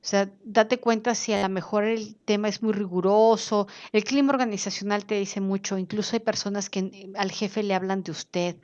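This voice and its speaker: A woman teaches an online class. She talks in a lively way and slips into other voices to act out the people she quotes. The recording sounds dull and lo-fi. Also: medium pitch, moderate pace, hardly any pauses. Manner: lively, acts out quoted speakers in changed voices.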